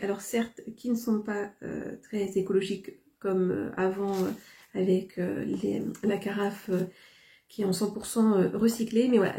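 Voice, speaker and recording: Young woman doing a haul vlog, lots of euh and restarts, soft mellow tone. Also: mid-range voice. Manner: hesitant, many fillers and restarts. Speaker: haul vlogger. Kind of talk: casual haul chat to camera.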